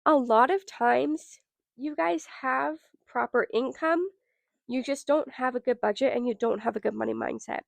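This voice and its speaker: A young adult woman hosting a solo podcast, sounding nasal from a cold, giving listeners an upbeat, direct pitch. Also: moderate pace, vocal fry, dry recording. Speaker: podcast host.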